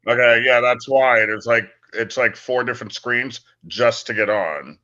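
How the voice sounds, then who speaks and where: A man joining as a guest speaker over a video call, casual and a bit halting. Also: mid-range voice, bright, forceful tone. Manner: casual, halting, laughs easily. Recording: dull lo-fi video call audio.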